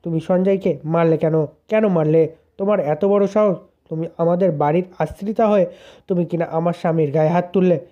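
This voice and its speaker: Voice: medium pitch, fairly quick, warm tone, lo-fi sound, close to an everyday voice. A narrator reading the lines of an angry, possessive young bride who scolds a rival. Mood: furious. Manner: indignant, scolding.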